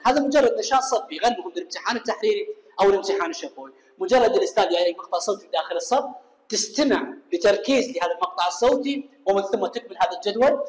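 A man with an Iraqi Arabic accent, an English teacher explaining a lesson step by step and firing quick questions at his students. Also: high-pitched. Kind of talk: classroom explanation. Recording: echoey room with long reverb.

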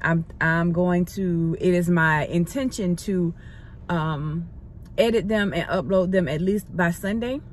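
Middle-aged woman, lower voice, upbeat car vlogger who prays in rhythmic repeated phrases, recorded on a dashboard phone with a faint hum behind. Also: unhurried. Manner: upbeat, encouraging, repeats phrases in prayer cadence. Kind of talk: casual car chat and spoken prayer. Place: parked car interior. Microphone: phone camera on the dashboard.

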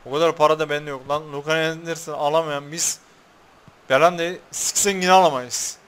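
A man's voice: on the high side, fairly even intonation, moderate pace, fairly bright tone, slight background noise. A man commentating on a football video game he is playing, talking to the players on screen, swearing, and getting worked up over fouls. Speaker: gaming YouTuber.

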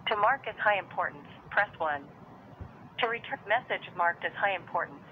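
A woman's recorded voicemail menu voice, heard over a landline phone, giving even, measured instructions. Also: medium pitch. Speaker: automated voicemail prompt. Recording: tinny phone line with faint hiss.

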